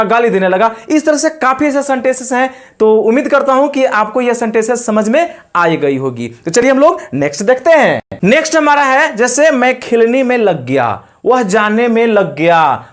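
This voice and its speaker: A man with an Indian accent teaching spoken English in Hindi, slowly and patiently repeating each example. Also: extremely high pitch.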